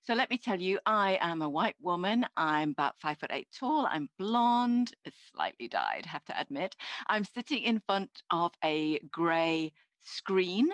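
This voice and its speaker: A woman in her fifties working as a live interpreter. She speaks a deaf host's signed words aloud in the first person in a measured, steady way, with small restarts. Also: on the low side, dry recording. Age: 50s. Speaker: sign language interpreter voicing the host. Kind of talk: live spoken interpretation of an introduction. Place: home, seated before a plain screen.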